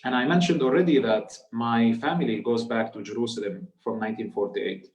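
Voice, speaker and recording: Halting Palestinian-accented man on a call. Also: mid-range voice, fairly even intonation, a little mellow, distant mic. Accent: Palestinian Arabic. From Jordan, Palestinian family. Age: 20s. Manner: halting, many fillers and restarts. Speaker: tour guide and guest speaker. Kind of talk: personal story on a video call. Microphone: video call. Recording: echoey room, off the mic.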